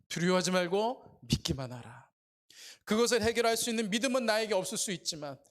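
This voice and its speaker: A male pastor preaching at a Friday evening service in an easy, conversational way, retelling the story with many pauses and fillers. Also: high-pitched, a bit bright. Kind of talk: sermon.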